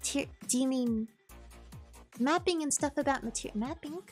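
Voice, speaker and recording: Speaking at a moderate pace in a high voice, this young streamer chats with her audience in a cheerful, bubbly way and breaks into playful snatches of song. Faint music plays behind her.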